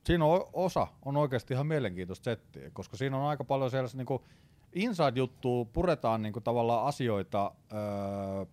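Animated, laughing man telling stories. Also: medium pitch. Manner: animated storyteller, laughs often, bursts into loud shouts when quoting himself. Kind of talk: casual chat.

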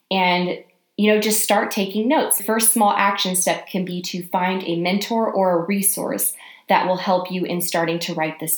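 A woman in her twenties hosting a solo podcast, upbeat and bubbly, talking fast when she gets excited. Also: on the low side. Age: 20s. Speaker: podcast host. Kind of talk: casual solo podcast talk. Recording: roomy echo.

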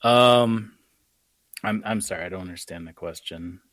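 An American man with a fairly low voice, explaining his ideas at length in a loose, rambling way with plenty of fillers. He sounds close to the mic in a dry, dead room. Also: normal speed, a bit bright, no room sound. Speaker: author and guest. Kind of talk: casual podcast conversation.

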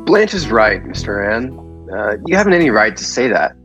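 A man's voice: lowish voice, sing-song, moderate pace, fairly bright tone, dull audio, soft background music. An actor playing a trusting, stubborn, reassuring man in an old radio drama. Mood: defensive.

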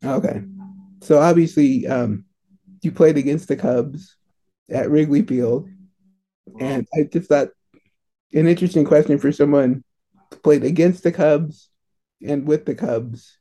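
A man's voice: fairly high pitch, a little slow, pauses often, mellow, rough recording. A man asking casual interview questions in a tentative, informal way.

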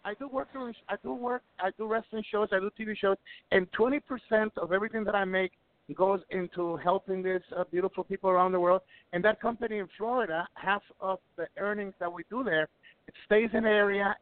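A man's voice: high voice, dry recording. A middle-aged man from Ecuador telling wrestling stories in a casual radio interview, rambling with many restarts. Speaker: wrestling promoter and guest. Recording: tinny phone line.

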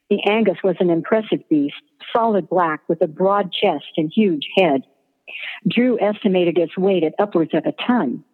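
A woman narrating a scripted story in an even, descriptive way, over a tinny line with long reverb. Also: medium pitch, slightly rough.

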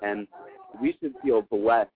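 On a call-in advice show, a male radio host counsels callers with earnest, affirming emphasis in the manner of a spiritual coach. His voice is fairly low and fairly even in intonation, and he speaks slowly. The audio is narrow and phone-like, typical of radio.

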